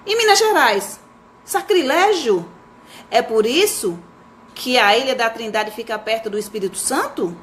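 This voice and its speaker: A woman's voice: a little high, expressive, measured pace, a bit bright, slight background noise. A woman reading aloud and voicing a curious little boy who keeps asking naive questions.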